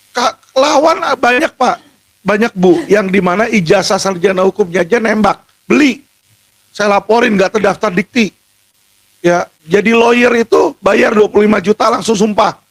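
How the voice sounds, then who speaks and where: A middle-aged man, a lawyer, giving an impassioned, indignant speech that rises at times to shouting. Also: high voice, breathy edge, low-quality recording.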